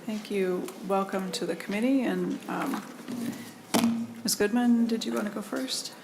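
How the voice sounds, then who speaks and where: Creaky-voiced woman chairing a noisy meeting. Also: medium pitch, a little slow. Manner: polite, formal, brief. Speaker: committee chair. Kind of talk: procedural meeting moderation. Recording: loud background noise, clicks.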